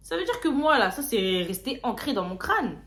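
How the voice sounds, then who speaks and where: A young woman vlogger casually telling a story, slangy and lively, often repeating words. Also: fairly high pitch, moderate pace. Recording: roomy echo.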